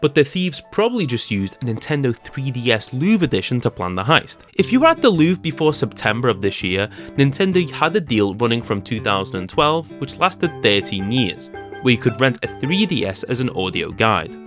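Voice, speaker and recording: A man's voice: mid-range voice, sing-song, moderate pace, a bit bright, faint music behind. A young man narrating a scripted tech-comedy video with jokey, sarcastic asides. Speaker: YouTube creator.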